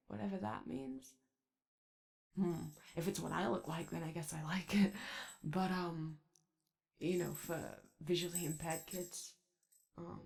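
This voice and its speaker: A woman voicing an excitable, gentle animatronic sun attendant who rambles hesitantly and chattily in an ASMR comfort roleplay. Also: lowish voice, gravelly, full character voice. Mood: nervous, chatty. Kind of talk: ASMR character roleplay, improvised-sounding comfort monologue.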